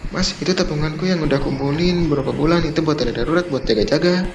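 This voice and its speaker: A man voicing a frightened young wife who pleads with her husband and then talks quietly to herself about her despair. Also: fairly high pitch, fast talker, noisy background, voice pushed up, natural voice. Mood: pleading. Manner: pleading, worried.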